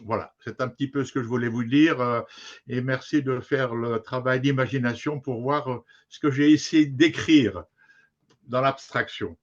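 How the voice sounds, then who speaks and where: A man giving an explanatory academic presentation in a measured way, pausing now and then. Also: mid-range voice, fairly even intonation. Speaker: introductory speaker. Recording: dull, lo-fi sound.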